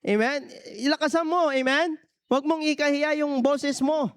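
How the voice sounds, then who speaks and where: A man's voice: extremely high pitch, steady tone, moderate pace. A man from the Philippines preaching a sermon as pastor, mixing English phrases into his talk and often asking the congregation to answer back. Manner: peppers every point with questions to the congregation.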